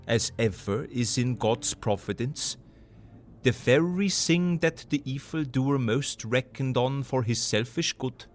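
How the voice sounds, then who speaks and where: Van Helsing, fervent older professor. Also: male voice, medium pitch. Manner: foreign, ungrammatical English, emphatic oratory. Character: earnest older male professor, vampire hunter, eccentric and fervent. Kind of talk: audio drama acting.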